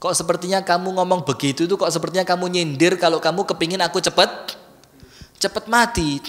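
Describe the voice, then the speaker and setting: A man voicing a stern, devout older mother urging her son to be brave, in a measured, solemn way. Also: lowish voice, close to an everyday voice. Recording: long hall reverb.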